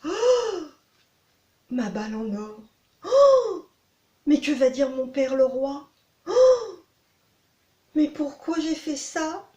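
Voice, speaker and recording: A woman voicing a spoiled young princess in a storybook tale, high and wailing. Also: steady tone, moderate pace, reverberant. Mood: distraught.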